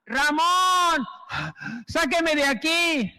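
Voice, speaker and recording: A priest acting out a panicked drowning man who shouts frantically for help, in a long church reverb. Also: very high voice, measured pace, voice pushed up, full character voice. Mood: frantic.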